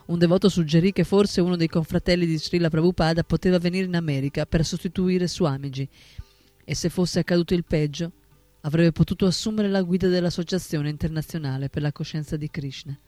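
A man narrating a biography in a steady, solemn scripted reading. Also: fairly high pitch, a little fast, dry recording. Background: faint instrumental music.

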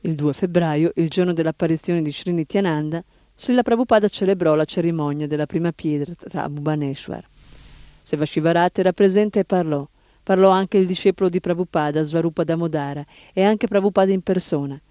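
High, mellow-voiced male reader. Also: brisk, no room sound. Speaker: narrator. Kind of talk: reading a biography aloud.

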